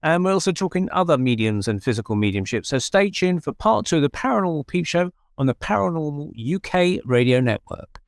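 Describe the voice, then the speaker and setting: A man's voice: fairly high pitch, animated, fairly quick, gravelly, hardly any pauses, dry recording, studio quality. A man hosting a conversational radio interview. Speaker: radio show host.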